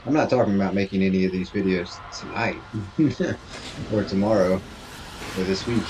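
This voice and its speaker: A man with a fairly low voice talks casually to his viewers while he plays, rambling and easygoing and breaking into laughs often. He speaks into a desk microphone in his home streaming room. A steady hiss runs under the recording. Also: moderate pace, low-quality recording. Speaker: variety game streamer.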